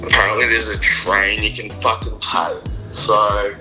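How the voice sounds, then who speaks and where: A man's voice: lowish voice, level tone, measured pace, bright, forceful tone, soft background music. An Australian man in casual, blunt, sweary chat, heard through a phone on speaker. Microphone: phone call on speaker, picked up by camera.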